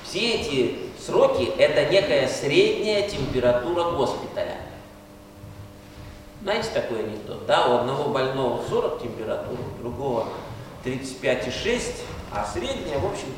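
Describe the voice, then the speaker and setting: A man's voice: mid-range voice, very animated, normal speed. An older man lecturing medical students at a university in a wry, conversational way, often putting rhetorical questions to them. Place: large lecture room, recorded from far off. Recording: very echoey hall, distant mic, loud noise.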